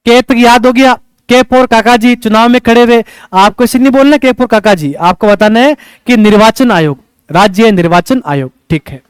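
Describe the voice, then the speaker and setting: A man's voice: very high-pitched, normal speed, clear, resonant tone, dry recording. A male coaching teacher, lecturing a class and checking in with rhetorical questions as he teaches memory tricks.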